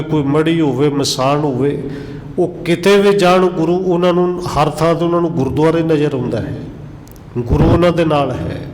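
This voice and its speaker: A man's voice: a little high, darkish tone. Preaching man in a reverberant hall. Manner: slow, half-sung recitation of verses between explanations. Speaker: Sikh scripture preacher. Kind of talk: religious discourse on scripture.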